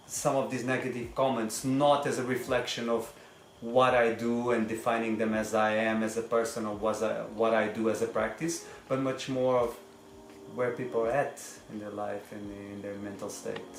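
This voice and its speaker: A man's voice: lowish voice, little pitch movement, normal speed, slight background noise. A man hosting as a teacher, chatting casually and reading comments aloud in an earnest, emphatic manner with rhetorical questions. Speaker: massage teacher and channel host. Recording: echoey room with background music.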